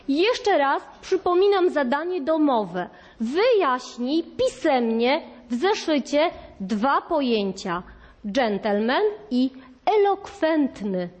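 High-voiced woman teacher in a reverberant classroom. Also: darkish tone. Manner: instructive, addressing pupils directly. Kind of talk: classroom lesson. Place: school classroom.

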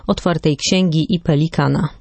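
Higher-voiced male news reader. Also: steady tone, moderate pace, creaky, a little mellow, no echo. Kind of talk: scripted news reading.

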